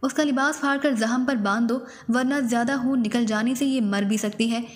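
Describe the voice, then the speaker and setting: A woman's voice: on the high side, steady tone, normal speed, lightly acted. A woman voicing a cold, commanding male army major in an audiobook spy story. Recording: long hall reverb.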